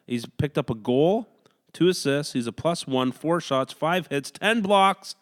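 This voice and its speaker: A man with a slightly high, expressive voice co-hosts a casual hockey podcast from a room at home. He rattles off player stats in a quick list and often breaks into laughter.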